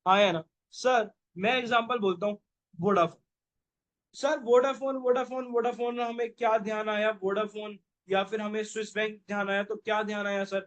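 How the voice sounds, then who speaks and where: A man's voice: sits high, a bit bright. A young man teaching a revision lecture, playful and jokey, who keeps quizzing his listeners with "yes or no?".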